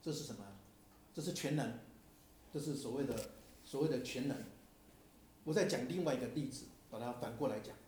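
A man's voice: mid-range voice, a little fast, pauses often, warm tone, a little hiss or hum. A man preaching a sermon, telling stories and asking the audience questions in a conversational way. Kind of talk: sermon with storytelling. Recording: very echoey hall sound.

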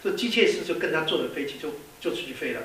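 High-voiced preacher in an echoey hall. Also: male voice, very fast. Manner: lively, many rhetorical questions, storytelling; mixes in English words. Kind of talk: sermon. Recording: echoey hall, distant mic, faint hiss.

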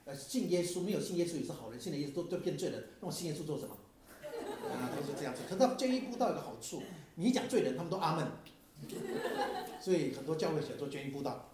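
A man's voice: a little high, big pitch swings, fast, crowd noise. A man preaching a sermon, telling stories and asking the audience questions in a conversational way. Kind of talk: sermon with storytelling. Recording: very echoey hall sound.

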